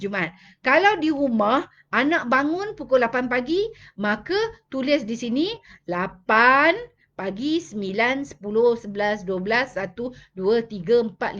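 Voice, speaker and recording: A Malaysian woman hosting a casual live stream on child behavior, chatting with viewers and mixing in English words. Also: a little high. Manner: chatty, answers viewer comments, mixes in English. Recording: dull lo-fi live-stream audio.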